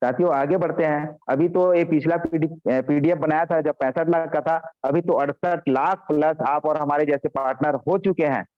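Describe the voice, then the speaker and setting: A man's voice: a little high, steady tone, normal speed, few pauses. A man giving a motivational business training on a video call, repeating key points and often addressing his listeners directly. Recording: dull lo-fi call audio.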